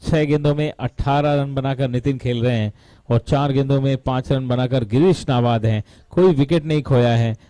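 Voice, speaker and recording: A man's voice: medium pitch, moderate pace, mellow, dry recording. A man with an Indian accent doing live cricket commentary, dramatic, with rhyming wordplay and some English mixed in for the scores.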